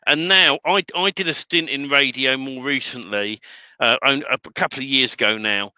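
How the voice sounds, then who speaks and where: A middle-aged British man appears as a webinar guest and template trainer, chatting casually in a very bright, forceful voice of medium pitch at normal speed. He tends to repeat words as he warms up. The recording is dry, slightly dull and lo-fi, with no echo.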